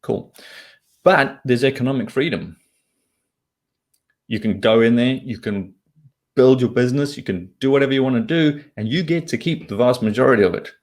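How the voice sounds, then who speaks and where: As a guest on an interview, a southern African investment commentator explains what he thinks in a blunt, informal way, dropping casual swear words. He has a medium pitch and moderate pace, with long pauses.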